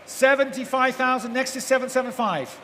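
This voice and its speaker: With a very high, sharp voice at a fairly quick pace, a male auctioneer chants bids live and calls for the next figure in a large hall full of people. The amplified sound comes across echoey and noisy.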